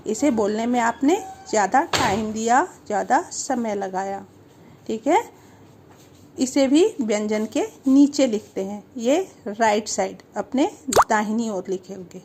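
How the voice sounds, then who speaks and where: A woman's voice: on the high side, measured pace, noisy background. A woman teaching a Hindi lesson, explaining step by step, repeating each term and asking the viewer questions. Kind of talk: slow, patient language lesson.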